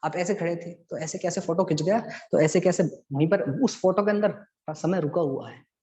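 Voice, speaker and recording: A man's voice: high-pitched, moderate pace, a little mellow. Playful teasing male physics teacher. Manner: playful, teasing, talks to students as beta. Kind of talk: online physics lesson. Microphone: online class setup.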